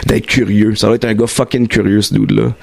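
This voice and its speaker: A man's voice: on the low side, level tone, a little fast, vocal fry, a little mellow, no echo. A young man with a Quebec French accent, chatting in a radio interview, slangy and mixing in English words. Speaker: rapper guest. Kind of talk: casual radio interview chat. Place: radio studio.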